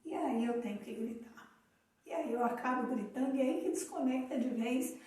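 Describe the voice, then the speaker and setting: A Brazilian woman with a high yet mellow voice reflects calmly and tells a little story in a live chat. She is far from the mic in a strongly echoing room. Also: normal speed. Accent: Brazilian Portuguese. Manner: calm, reflective, tells anecdotes. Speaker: co-host of a live talk on emotional awareness.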